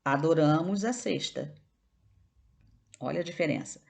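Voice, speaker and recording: A woman's voice: low-pitched, expressive, unhurried, creaky, darkish tone. A woman teacher with a Brazilian Portuguese accent, patiently explaining a lesson and checking in with her students. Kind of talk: online classroom lesson.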